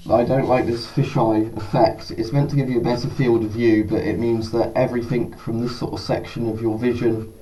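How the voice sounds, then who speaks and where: A man gives a casual product test commentary from inside a gas mask. His voice is muffled and dull, with little brightness. It sounds set back from the microphone, with a faint layer of noise. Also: medium pitch, flat delivery, brisk. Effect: voice through a gas mask. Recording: distant mic, faint background noise.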